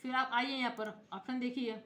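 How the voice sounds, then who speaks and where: A woman teaching computer software in speech, explaining each step and spelling out letters as she checks in with her viewers. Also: fairly high pitch, level tone, fairly quick. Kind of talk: screen-recorded software tutorial. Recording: echoey room.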